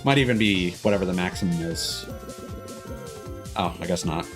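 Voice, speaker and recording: A deep-voiced man live streams a game, chatting casually at a moderate pace. He rambles, is self-deprecating and swears now and then, over cartoonish, upbeat game music.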